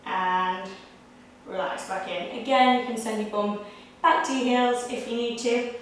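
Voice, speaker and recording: A young woman leading a Pilates workout, giving steady, encouraging step-by-step cues. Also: fairly high pitch, measured pace, far from the mic, a little hiss or hum. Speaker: Pilates instructor. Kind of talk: guided exercise instruction. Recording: echoey room, voice picked up from afar.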